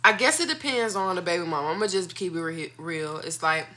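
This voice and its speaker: A woman's voice: lowish voice, a little fast, pushed and bright. A woman talking casually and candidly to viewers as a video host, giving her opinions in informal, slangy speech.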